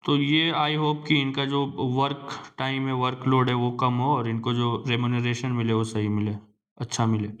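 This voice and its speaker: A young man teaching exam aspirants in a relaxed lecture, slowly reading out English headlines and then explaining them casually in Hindi. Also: mid-range voice, highs cut off.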